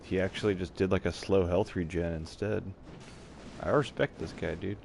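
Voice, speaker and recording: A man's voice: low voice, fairly even intonation, normal speed, gravelly. A young man doing casual gameplay commentary in frat-bro slang with swearing, like a video game streamer. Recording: noisy, game sound behind voice.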